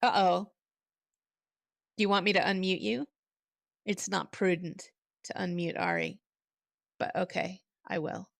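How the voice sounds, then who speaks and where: A woman's voice: lowish voice, measured pace, creaky, pauses often, dry recording. A woman hosting a livestream in a chatty way, laughing often, heard through a headset mic. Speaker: livestream host. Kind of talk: casual livestream chat.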